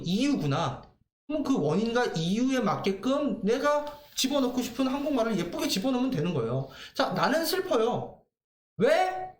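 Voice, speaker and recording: A man runs an exam-prep grammar lesson, often firing off a question and then answering it himself. His voice sits high and swings through a wide range. The sound is roomy and echoey. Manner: lively, asks and answers his own questions. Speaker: teacher.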